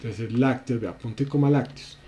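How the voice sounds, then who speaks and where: A man's voice: mid-range voice, fairly quick, dark tone. A man instructing a class through a spreadsheet lesson on screen, talking through each step with many fillers and restarts. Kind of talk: screen-share software lesson.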